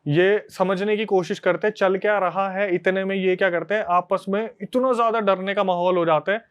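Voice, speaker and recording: A man hosting a podcast, telling a story to his friends in a casual, animated way. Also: sits high, normal speed, clean tone, highs cut off. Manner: animated, conversational retelling to friends.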